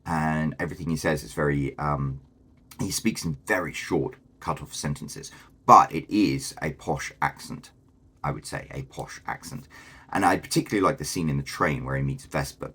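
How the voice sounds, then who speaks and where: A man's voice: very deep voice, fairly bright tone, breathy edge. A man hosting a casual video commentary, chatty and enthusiastic, with lots of fillers. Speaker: host.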